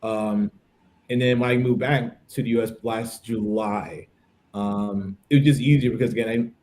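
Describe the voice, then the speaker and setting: With a fairly low, darkish voice and fairly even intonation, a man in his thirties from the United States speaks at a moderate pace. He's an English teacher and podcast participant, explaining things chattily in a casual conversational interview.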